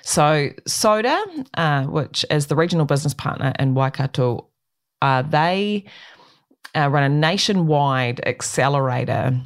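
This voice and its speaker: New Zealand woman with swooping, animated pitch. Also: measured pace. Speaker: talk show host. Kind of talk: opinionated solo rant, conversational.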